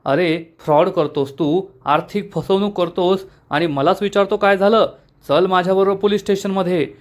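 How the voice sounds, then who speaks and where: A man's voice: high-pitched, normal speed, close to an everyday voice. A man voicing an angry, bullying male police inspector who talks rudely and threatens. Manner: rude, threatening.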